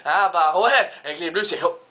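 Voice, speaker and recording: Rambling Québécois comic, bright tense voice. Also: male voice, fairly high pitch, normal speed. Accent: Québécois French. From Quebec. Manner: rambling, full of Quebec swear fillers, mixes in English words. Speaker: stand-up comedian. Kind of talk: comic monologue.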